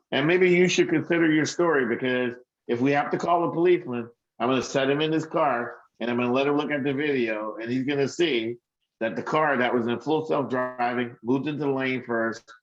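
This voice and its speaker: A man's voice: mid-range voice, dull audio. A man telling a personal story in an earnest way, as a speaker on an online call. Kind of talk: storytelling talk.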